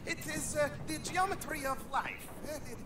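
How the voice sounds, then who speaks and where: An actor playing an eccentric, arrogant mad inventor in a video game, halting, muttering and condescending. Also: male voice, extremely high pitch, heavy background noise. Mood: irritated, flustered. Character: eccentric mad professor, arrogant, excitable foreign male inventor. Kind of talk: video game character acting. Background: game ambience.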